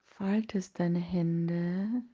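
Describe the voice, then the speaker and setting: A woman leading a guided meditation in a soft, breathy, partly whispered voice, soothing and hushed, with long pauses between phrases. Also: lowish voice, fairly even intonation, muffled recording.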